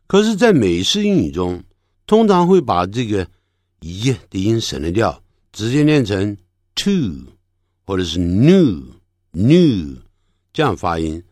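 A man teaching English pronunciation from a textbook, slowly stretching and repeating each example word. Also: on the low side, big pitch swings, no echo, studio quality. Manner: slow, stretches out example words, repeats them. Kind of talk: textbook lesson, explaining in Chinese.

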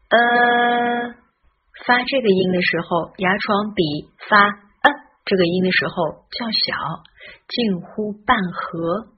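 A woman leads a pronunciation lesson at an unhurried pace, spelling words letter by letter and sounding each one out with care. Her voice is a little breathy, and the recording sounds dull and lo-fi. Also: medium pitch. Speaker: English pronunciation teacher. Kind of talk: slow, careful pronunciation lesson.

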